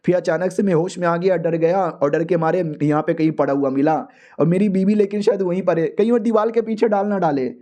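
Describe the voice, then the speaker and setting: Male storyteller, high and mellow, casual slangy recap. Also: fairly quick. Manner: slangy, playful, switches into character voices. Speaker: narrator.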